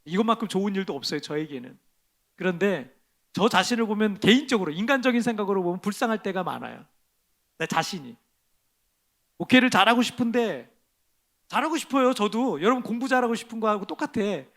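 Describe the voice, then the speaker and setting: A middle-aged male pastor giving a conversational, self-deprecating sermon, swinging between soft and loud. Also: high voice, vocal fry. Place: church sanctuary.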